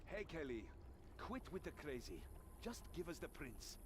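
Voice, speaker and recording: Wisecracking impatient adventurer from a game, highish voice, noisy ambience. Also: male voice, very animated, moderate pace. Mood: exasperated. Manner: sarcastic, wisecracking. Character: sardonic, impatient male fantasy adventurer hero. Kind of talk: scripted fantasy game voice acting.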